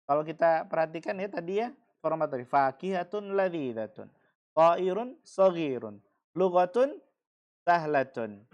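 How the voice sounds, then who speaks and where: A man's voice: fairly high pitch, lively intonation, normal speed, darkish tone, highs cut off. A man teaching a language class, repeating and explaining each word patiently. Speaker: Arabic teacher.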